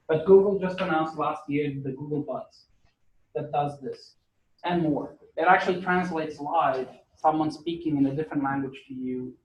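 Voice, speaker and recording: In an echoey lecture hall, a man from Portugal delivers a relaxed classroom lecture full of fillers, his Portuguese accent clear. His voice is slightly high and a touch bright, with a faint hiss or hum in the background.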